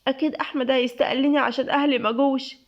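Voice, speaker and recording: A woman with an Egyptian accent voicing a soft-spoken, tearful young bride-to-be. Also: sits high, fairly even intonation, fast, close to an everyday voice. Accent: Egyptian Arabic. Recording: dull lo-fi recording.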